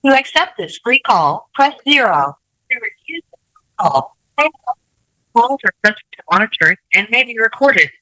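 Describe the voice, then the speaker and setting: A recorded woman's voice comes through a phone line, reading a scripted automated prompt at a brisk clip. The tone is very bright and sharp, and the pitch moves a lot. The sound is dry with no room around it. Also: big pitch swings, no room sound. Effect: heard over a phone line. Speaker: automated prison phone system announcer.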